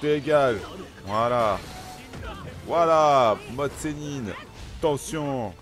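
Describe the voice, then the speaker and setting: A man from France, a gaming YouTuber, talking chattily through character setup and gameplay with lots of quick exclamations. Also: mid-range voice, soft background music. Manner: excitable, chatty, punctuates action with exclamations. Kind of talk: gameplay commentary.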